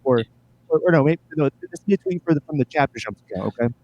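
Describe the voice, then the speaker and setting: A man co-hosting a casual book podcast, talking in halting restarts through a muffled mic that makes him sound underwater. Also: a little high, animated, a little mellow, no echo. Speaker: podcast co-host. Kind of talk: casual book-club chat. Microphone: faulty or misplaced headset mic.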